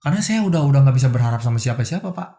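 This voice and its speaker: A man's voice: medium pitch, animated, very fast, mellow. A man earnestly telling the story of his stabbing as an interview guest, often addressing the host respectfully. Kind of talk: emotional personal testimony. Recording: roomy echo.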